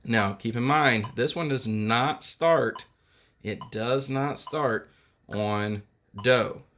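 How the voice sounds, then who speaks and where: Slow, patient male music teacher. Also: medium pitch, fairly bright tone. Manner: patient, explains step by step and sings solfege syllables. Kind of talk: recorded remote music lesson.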